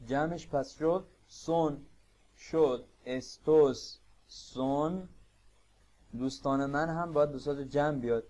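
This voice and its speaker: A Persian-accented man teaching a beginner language lesson, explaining patiently and repeating phrases slowly. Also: fairly high pitch, mellow, a little hiss or hum. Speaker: Spanish teacher.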